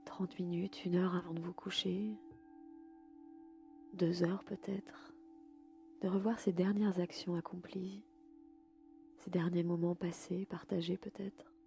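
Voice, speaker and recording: A woman leading a guided yoga nidra sleep meditation in a slow, soft and soothing way. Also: fairly low pitch, flat delivery, gravelly, soft background music.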